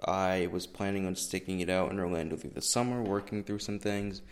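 A man's voice: low-pitched, steady tone, brisk. A young American man chatting casually and solo as a podcast host, rambling, self-deprecating and sweary, recorded in an echoey garage. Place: indoors in a garage. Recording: echoey garage room sound, breath pops.

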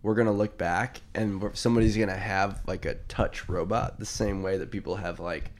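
A man's voice: on the low side, steady tone, normal speed. A man co-hosting a casual podcast, giggly and hesitant as he talks. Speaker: podcast co-host.

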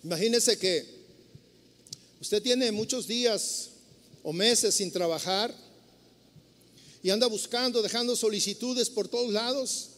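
A man's voice: high voice, a little slow, long pauses, a bit bright, in a large hall. A man with a Mexican accent preaching a sermon, telling everyday stories in a conversational way and acting out the scenes. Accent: Mexican Spanish. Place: church sanctuary.

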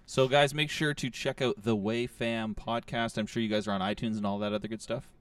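A Canadian man co-hosting a podcast, upbeat, with quick asides. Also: lowish voice, fairly even intonation, clear, resonant tone, no echo. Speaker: podcast co-host. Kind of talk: casual chat. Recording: a bit distant from the mic.

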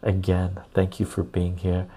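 He's a live stream and podcast host, casually addressing viewers over a clip-on lapel mic and repeating phrases for emphasis. His low voice comes out completely flat, at a measured pace, mellow and husky.

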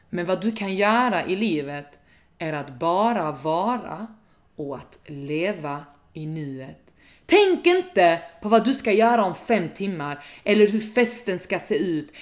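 A woman vlogger talking straight to her viewers with earnest, urgent self-help advice, dropping in English phrases. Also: fairly low pitch. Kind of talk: direct-to-camera advice talk.

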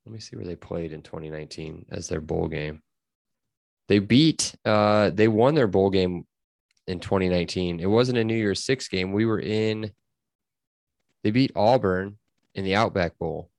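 A man's voice: sits low, normal speed, creaky, no echo, studio quality. A man co-hosting a sports podcast in casual chat, laid-back and rambling, laughing often. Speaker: podcast co-host.

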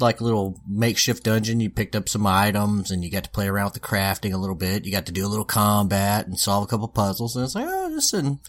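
A man co-hosting a casual podcast chat, telling stories with swearing and lively animation. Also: on the low side. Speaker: podcast co-host.

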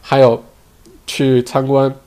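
A man's voice: mid-range voice, monotone, takes it slowly, warm tone. Man, solo show host, loose rambling commentary, fillers and "right?" tags, mid-range voice. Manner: chatty, rambling, many fillers and tag questions. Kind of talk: casual commentary monologue.

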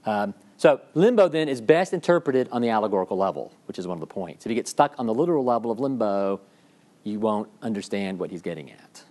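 A man's voice: fairly low pitch, very animated, quick pace, darkish tone. A man giving a classroom lecture in a discursive way, with frequent fillers and restarts, often checking in with the class.

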